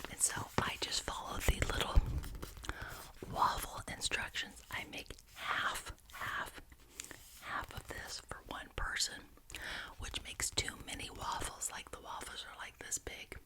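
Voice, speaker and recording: A woman whispering breathily in an ASMR ramble, enthusiastic and chatty, gently repeating phrases for emphasis. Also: rough recording. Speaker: ASMR video creator.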